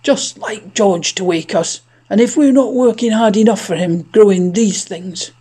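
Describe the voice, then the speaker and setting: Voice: mid-range voice, a little slow, dark tone, husky, voice pushed up. A narrator voicing a lazy, spiteful male henchman in a storybook reading, grumbling in a sour tone.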